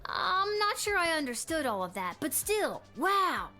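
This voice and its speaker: An actress voicing an eager, cheeky twelve-year-old gate guard in a video game, perky and wide-eyed. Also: female voice, extremely high pitch, big pitch swings, measured pace, music in the background, full character voice. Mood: eager, curious. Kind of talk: video game character acting.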